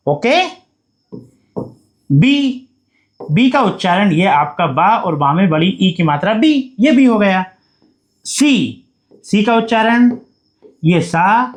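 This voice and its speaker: A man teaching beginners at a board, coaxing them along by asking questions and answering them himself. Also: sits high. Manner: coaxing, repeats questions back to the class. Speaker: English teacher. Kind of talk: whiteboard lesson for beginners.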